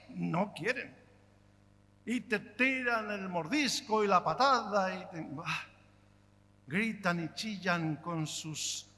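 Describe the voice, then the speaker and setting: Impassioned high-voiced preacher. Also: male voice. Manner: impassioned, rhetorical questions, swings between loud and hushed. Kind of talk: sermon. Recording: long hall reverb.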